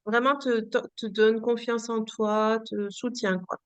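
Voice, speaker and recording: A woman's voice: on the high side, steady tone, a little slow, clear, resonant tone, no room sound. A woman interviewing a guest, recapping her story back to her and prompting the next part. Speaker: interviewer for a women's business association. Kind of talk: conversational interview.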